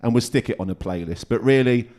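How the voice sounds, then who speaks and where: A man hosting a podcast, chatting in a friendly, lively way with quick reactions. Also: mid-range voice. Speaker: podcast host. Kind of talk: casual interview chat.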